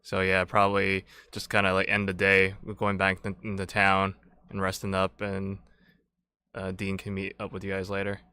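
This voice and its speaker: A man's voice: sits low, monotone, normal speed, pushed and bright, clean tone. A man running a tabletop game as game master, recapping and narrating in a loose, meandering way.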